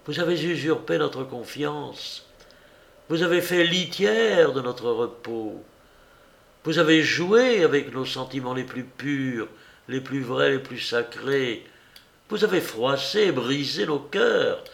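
A man reading a novel aloud voices a proud young woman who hurls bitter, vehement accusations, slowly and with a creaky grain. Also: mid-range voice, fairly bright tone, exaggerated voice. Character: proud, scornful young woman, furious heiress.

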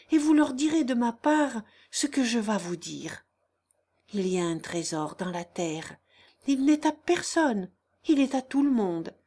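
A woman's voice: high-pitched, voice pushed up. A woman voicing a dying, devout peasant girl. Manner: soft, rustic country speech.

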